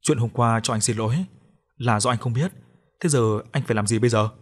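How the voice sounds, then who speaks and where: A young village man speaks bluntly and gruffly. His voice sits in a plain middle register, voiced by the male narrator close to his own tone. He comes from a spoken audio story. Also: mid-range voice, a little fast, close to an everyday voice. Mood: apologetic.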